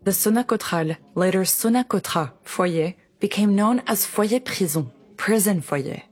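A woman's voice: mid-range voice, expressive, a little slow, a little mellow. A woman reading scripted documentary narration.

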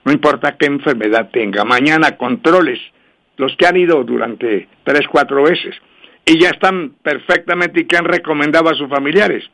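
A man hosting a weekend radio show, reading out lucky numbers and phone numbers in a brisk, repetitive way and slowing down to spell them out. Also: a little high, creaky, fairly bright tone. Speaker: radio host and numerologist.

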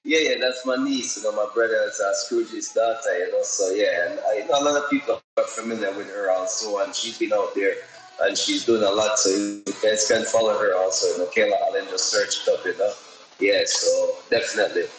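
A man who works as a DJ, talking loosely in an interview with halting starts and repeated "you know"s. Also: on the low side, steady tone, reverberant, faint music behind, rough recording. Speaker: DJ, sound system member. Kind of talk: casual interview talk.

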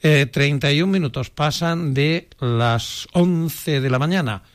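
A man from Spain hosting a local radio show, interviewing a guest and talking between segments, halting with many fillers. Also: on the high side. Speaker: radio host.

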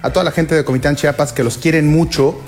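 A Mexican man chatting on a radio show, his voice sitting a little high. He hesitates often with fillers as he talks. Faint music plays underneath. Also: fairly even intonation, fast talker, a little mellow. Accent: Mexican Spanish. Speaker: guest commentator. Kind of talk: casual radio chat.

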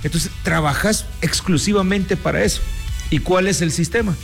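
Man from guatemala, sports talk host, slightly high voice, measured storytelling, faint music behind. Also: creaky. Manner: storytelling, measured, many restarts. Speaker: sports commentator. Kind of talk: casual talk show chat.

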